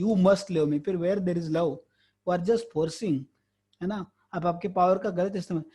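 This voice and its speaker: A man's voice: high voice, warm tone, husky. A man teaching an online spiritual lesson, answering questions earnestly and explaining through examples and rhetorical questions. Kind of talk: online Q&A lecture, Hindi mixed with English. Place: online class.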